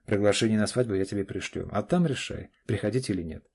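A man's voice: lowish voice, fast talker, gravelly, darkish tone, slightly rough. A man voicing a firm, self-assured middle-aged father in an audiobook, speaking curtly and clipped. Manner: curt and clipped. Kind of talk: audiobook character voice.

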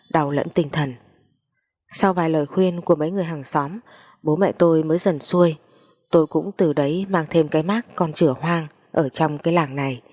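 A woman reading a first-person story aloud in a slow, mournful manner. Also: low-pitched, mellow. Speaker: audiobook reader.

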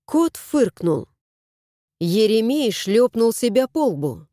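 A woman narrating a storybook in an expressive, lilting reading voice. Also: fairly high pitch, takes it slowly, no room sound, clean studio sound.

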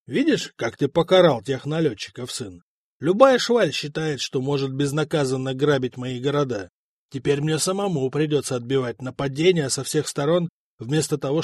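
A man's voice: mid-range voice, darkish tone, no echo, studio quality, close to an everyday voice. A man voicing an old grey-haired king who speaks in a blunt, commanding, scornful way.

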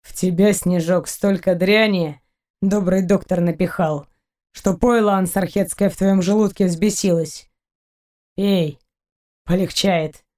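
A gruff, grumbling space pirate, as a woman reader puts him on, his voice pushed low and dark. He talks brashly and is never rattled. It is a storybook reading. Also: steady tone, a little slow, natural voice.

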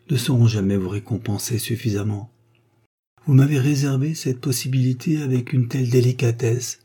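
A wistful, refined woman of fifty, as a male reader puts her on, speaks with earnest feeling. The voice is mellow and a little husky. It is a story read aloud. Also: mid-range voice. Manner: earnest, heartfelt confession. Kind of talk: audiobook reading of a short story.

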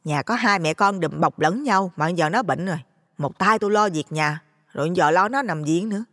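Storybook role: man doing a brisk, high falsetto village mother, blunt and worried, with a long reverb. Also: sharp tone, studio quality, heavily acted.

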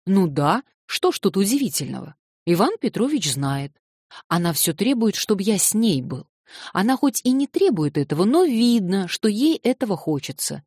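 A woman voicing an excitable, naive young man who protests plaintively, reading an audiobook. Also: medium pitch, normal speed, slightly rough, no room sound, studio quality, pitched above the performer's own voice. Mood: defensive.

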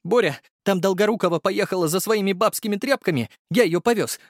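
A man voicing a jittery, cautious young male driver who haggles excitedly. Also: sits high, brisk, no echo, clean studio sound, pitched above the performer's own voice. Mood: agitated.

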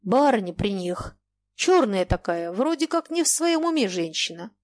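A woman's voice: mid-range voice, very animated, normal speed, close to an everyday voice. Woman doing a humble, guilty river captain. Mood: hushed. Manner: deferential, plodding, apologetic common speech.

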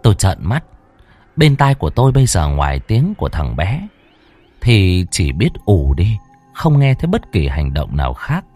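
A man's voice: deep voice, huge pitch swings, moderate pace, a little mellow, faint music behind. A man narrating a first-person horror story dramatically, acting out the characters' frightened lines. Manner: dramatic, acts out panicked cries and dialogue.

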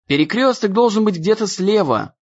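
A man's voice: high voice, lively intonation, normal speed, lo-fi sound, voice pushed up. Dan, a man voicing a nervous young boy. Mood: anxious. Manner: nervous, stammering. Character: anxious young teenage boy, hurried. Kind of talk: audiobook character voice.

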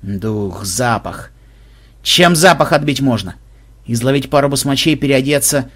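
A man voicing a bossy male team leader who barks orders in a brisk, blustering way. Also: medium pitch, a bit bright.

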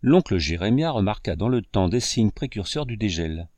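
Male audiobook reader, low voice, dry close recording, measured storytelling. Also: sing-song, darkish tone, no room sound, muffled recording. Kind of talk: scripted narration.

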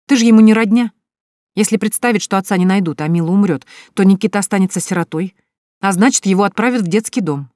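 A woman voicing a sharp-tongued, practical young woman who teases and lectures her friend. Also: medium pitch, fast talker, no echo, studio quality, voice pushed up, close to an everyday voice. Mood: lecturing. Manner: teasing, coolly lecturing.

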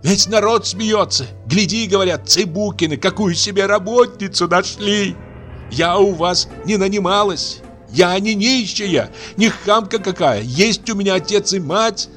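A man's voice: sits high, a little slow, fairly bright tone, faint music behind, voice pushed up. A male reader voicing a furious young peasant woman who screams and sobs with rage in an audiobook. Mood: mocking.

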